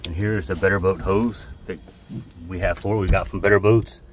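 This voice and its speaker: Middle-aged captain type, very deep voice, laid-back how-to talk outdoors, faint background hum. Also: male voice, normal speed. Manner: relaxed, plain-spoken, with fillers. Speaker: boat captain, vlog co-host. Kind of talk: casual how-to vlog. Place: outdoors on a docked boat.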